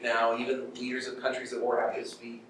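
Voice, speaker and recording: Speaking fairly quickly in a medium-pitched, monotone and somewhat bright voice, a middle-aged lecturer addresses a university audience casually. He performs paraphrased quotes and checks on his listeners, and the distant mic picks up heavy echo and background noise.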